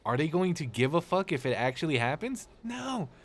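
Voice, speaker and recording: A man ranting on a live game stream, animated, sarcastic and full of swearing. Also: a little high, fairly quick. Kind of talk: casual live-stream rant.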